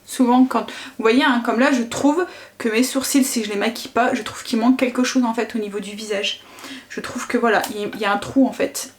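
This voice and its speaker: Her voice is a little high and steady, and she talks briskly. A mother who vlogs, she walks through a makeup tutorial in a relaxed, chatty way, adding little interjections at each step and often stopping to restart or fix what she's saying.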